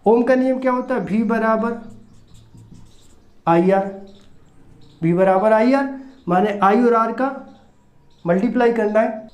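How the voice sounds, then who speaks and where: A physics teacher giving a recorded lecture, repeating each step and asking quick rhetorical questions to check understanding. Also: mid-range voice, darkish tone. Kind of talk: recorded classroom-style lecture. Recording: roomy echo.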